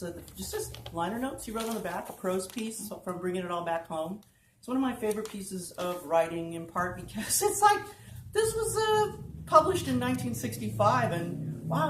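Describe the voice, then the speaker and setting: A woman giving a live reading of a prose piece at an art gallery event, measured and deliberate, slowing on lists. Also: mid-range voice. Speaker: poetry reader. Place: art lofts gallery, indoors. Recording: roomy room reverb, faint background hum.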